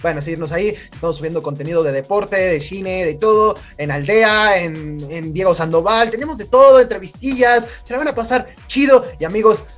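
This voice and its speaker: With faint music behind him, this young co-host talks in a high voice, a little fast and with few pauses, his Mexican Spanish accent clear. In a casual storytelling podcast chat, he uses slang, laughs, and loudly acts out quotes.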